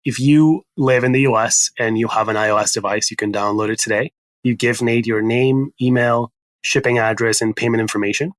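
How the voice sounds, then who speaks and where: A man from Spain, a startup founder guest, explaining his product in a brisk conversational podcast interview. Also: medium pitch, steady tone, no room sound.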